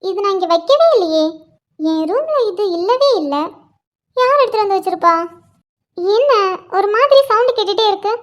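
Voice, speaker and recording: A woman's voice: very high voice, animated, normal speed, pauses often, lo-fi sound. A woman doing a fretful cartoon heroine. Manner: fretful, talking to herself.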